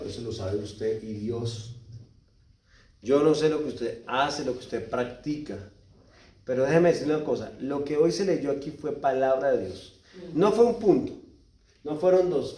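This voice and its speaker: A man with a Colombian Spanish accent preaching a sermon as pastor, swinging between loud exhortation and quiet low asides. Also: recorded from a distance. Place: church. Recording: echoey church hall, speaker off-mic at times.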